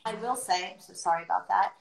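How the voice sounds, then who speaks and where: Speaking in an echoing room, a middle-aged podcast host talks on a livestream about being an adoptive mother; she herself was born outside the US and adopted into America. Her medium-pitched voice has vocal fry, and her manner is conversational yet deliberate, with pauses as she searches for phrasing.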